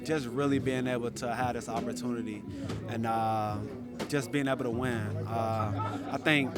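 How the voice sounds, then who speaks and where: A young man, a football player, giving casual locker room interview answers. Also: mid-range voice. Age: young adult. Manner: casual, often says "man" and "you know". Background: loud music.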